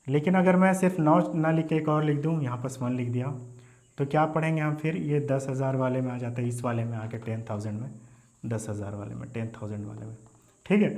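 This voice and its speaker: Hindi maths teacher, slightly high voice. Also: male voice, darkish tone. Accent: Hindi, Indian. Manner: repeats "ठीक है" and "है ना" as check-ins, mixes English terms into Hindi. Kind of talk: classroom lesson explaining number places.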